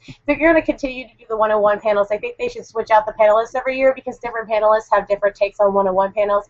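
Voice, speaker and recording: Getting over a cold, a woman rambles chattily through a convention review for a casual podcast, working as a convention correspondent. Her voice sits in the mid range. The audio is dull, lo-fi and dry, with no room sound.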